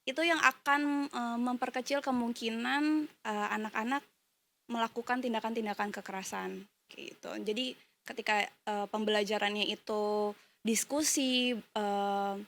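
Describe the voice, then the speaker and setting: A woman's voice: fairly high pitch, steady tone, unhurried, fairly bright tone. A woman who teaches primary school, telling a story in a casual interview with many hesitant fillers.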